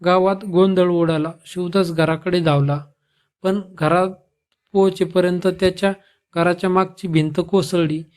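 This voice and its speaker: High, flat-voiced male storyteller. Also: a little slow. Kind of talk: scripted devotional story narration.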